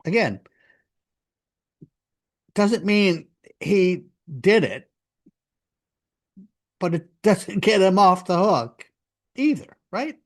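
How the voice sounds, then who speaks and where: A man's voice: high-pitched, very animated, extremely slow, long pauses. A man narrating a true-crime story, conversational, with wry asides to the listener.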